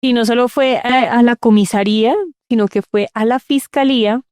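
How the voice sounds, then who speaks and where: A woman's voice: on the high side, steady tone, normal speed, a little mellow, clear, resonant tone, dry recording, clean studio sound. A woman, telling her own story in an interview, earnest and repeating words for emphasis. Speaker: interview guest. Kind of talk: personal storytelling in conversation.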